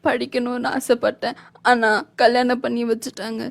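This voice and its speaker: A woman's voice: on the high side, flat delivery, normal speed, vocal fry. An actress playing a struggling young mother, deserted by her husband, who pours out her troubles in a tearful, pleading voice.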